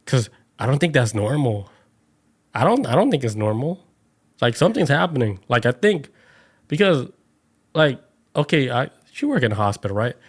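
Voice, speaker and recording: A man's voice: medium pitch, very animated, normal speed, long pauses, slightly rough. A man co-hosting a podcast, telling a story in casual chat, full of "like" and acted-out voices. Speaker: podcast co-host.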